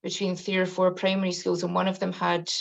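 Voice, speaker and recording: A Highland Scottish woman speaks in a lowish, very creaky voice. She talks casually about herself as an interview guest, and the audio is a little dull. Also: monotone, brisk. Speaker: podcast guest, confidence coach. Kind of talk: casual interview, personal storytelling.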